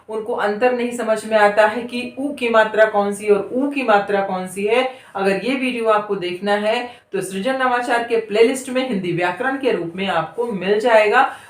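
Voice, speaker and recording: Woman teacher stretching out words real slow, sounds a bit far off the mic. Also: a little high, reverberant. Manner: stretches long vowels, repeating each word several times. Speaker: Hindi reading teacher. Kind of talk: slow, drawn-out spelling lesson for beginners.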